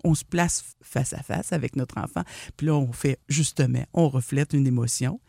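Gravelly Québécois woman giving parenting advice. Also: extremely low pitch, normal speed, dry recording, studio quality. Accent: Québécois French. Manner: animated, explanatory, often acts out parent-child dialogue. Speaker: parenting columnist on radio. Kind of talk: radio advice segment.

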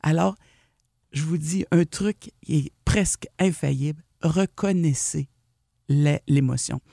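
A woman with a Québécois French accent giving parenting advice as a radio columnist, animated and explanatory, often acting out what a parent would say to a child. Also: deep voice, a little slow, gravelly, no echo, studio quality.

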